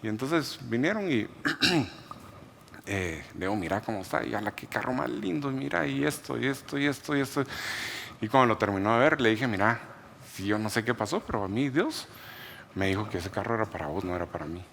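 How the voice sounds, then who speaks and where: A man preaching a sermon as a pastor, with an animated storytelling manner. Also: mid-range voice, fairly quick, gravelly, a little hiss or hum. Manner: storytelling, animated, laughs while telling. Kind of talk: sermon testimony.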